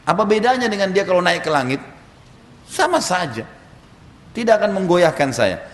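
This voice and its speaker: A preacher acting out a devoted male companion who will not be shaken, speaking in slow, firm, deliberate declarations. His voice rings in a big echoey hall, with the pitch rising and falling a lot. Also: sing-song. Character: steadfast devoted male companion, calm and unshakable.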